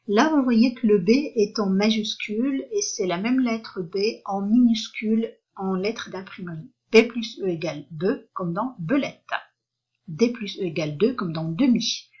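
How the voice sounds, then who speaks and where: A woman's voice: mid-range voice, slightly rough, muffled recording. A woman teaching a reading lesson for beginners, patient and repetitive, checking often that her listeners follow, with frequent hesitant fillers.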